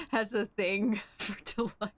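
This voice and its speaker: A young woman streaming a game, chatting casually, giggling, swearing a lot and getting excitable. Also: mid-range voice, husky, dry recording. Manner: giggly, excitable and profane, with frequent filler words. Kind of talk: casual gameplay commentary.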